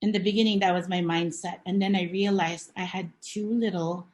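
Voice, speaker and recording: A woman's voice: fairly low pitch, steady tone, brisk, darkish tone. A woman in her thirties from the Philippines, a cafe owner talking as a podcast guest in an earnest, reflective storytelling way. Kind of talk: conversational podcast interview.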